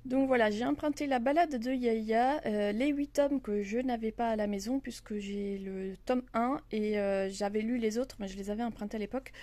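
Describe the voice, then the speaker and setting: Woman, book vlogger, casual chat, slightly high voice, hesitant, many fillers. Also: moderate pace, few pauses, dark tone. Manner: talks with her hands. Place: outdoor terrace.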